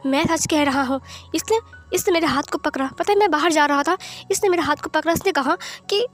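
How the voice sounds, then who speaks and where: A woman's voice: high voice, brisk, faint music behind, close to an everyday voice. Woman doing a sly taunting villain. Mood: lying, insistent. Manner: taunting, wheedling. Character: scheming young man, villain, sly and pushy.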